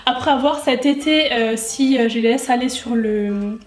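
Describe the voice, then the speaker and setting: A young woman with a high, bright-toned voice chats casually through viewer questions while cooking in her home kitchen. She is self-mocking and loose, full of fillers. The sound bounces around the room, picked up by a camera mic a little way off. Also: normal speed, echoey room. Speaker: lifestyle YouTuber.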